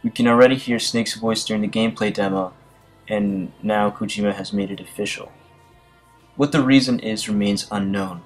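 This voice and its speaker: A man with a somewhat low voice talks through gaming news in a relaxed commentary style. He reads passages aloud and keeps stumbling into fillers and small restarts. Soft music plays faintly behind him. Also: low-quality recording. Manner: hesitant, frequent fillers and restarts. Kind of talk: casual news commentary, reading articles aloud.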